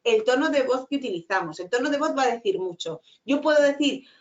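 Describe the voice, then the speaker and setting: A middle-aged woman teacher giving an online lecture, talking fast and tagging her points with quick checks. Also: high-pitched, expressive, lo-fi sound. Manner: fast-talking with frequent "¿vale?" tags.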